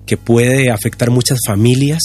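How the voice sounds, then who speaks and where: A man's voice: medium pitch, fairly even intonation, moderate pace, a little mellow, husky, faint music behind. A man in his fifties from Costa Rica, a pastor and guest on a radio talk show, speaking reflectively with hesitations and repeated words. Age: 50s.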